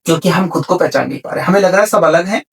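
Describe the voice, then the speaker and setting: This spiritual speaker's voice sits high and sounds gravelly, moving very fast, recorded from a distance during a podcast conversation. He explains spiritual ideas, mixing in English terms and repeating key words.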